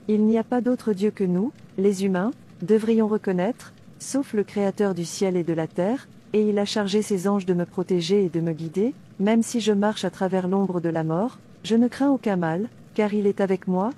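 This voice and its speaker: Playing a defiant and pious princess in a dubbed cartoon, a woman preaches her lines earnestly, citing scripture in a declamatory, sermon-like way. Her tone is warm and natural, medium in pitch, with a moderate pace and few pauses. The mood is firm and devout, with slight noise in the background.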